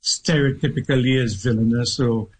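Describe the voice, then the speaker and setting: Husky Trinidadian man, reflective storyteller. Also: mid-range voice, steady tone, darkish tone, rough recording. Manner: measured, thoughtful, with pauses and restarts. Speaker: guest author.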